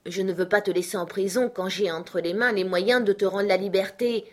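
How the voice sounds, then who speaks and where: A woman's voice: mid-range voice, steady tone, normal speed, natural voice. A woman voicing a plain-spoken, worried brother-in-law who pleads bluntly and earnestly.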